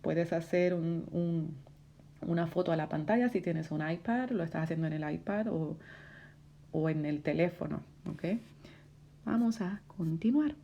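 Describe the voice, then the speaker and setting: A woman teaching a vocabulary lesson to children, reading words one at a time in a slow, drawn-out way and patiently checking that they follow along. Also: fairly low pitch, creaky, mellow, slight background noise. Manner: patient, asks "¿verdad?" and "¿cierto?" to check in.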